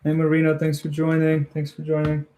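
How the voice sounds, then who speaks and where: A man's voice: fairly high pitch, monotone, a little fast, warm tone. A man from Ukraine hosting a casual livestream, chatting with viewers and laughing often as he builds. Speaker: livestream host. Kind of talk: casual chat with live viewers.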